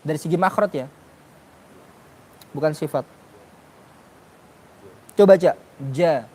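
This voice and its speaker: A man's voice: fairly high pitch, measured pace, darkish tone, slight background noise. A man teaching a class on Quranic pronunciation, questioning his students and sounding out letters for them. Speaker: tajwid teacher.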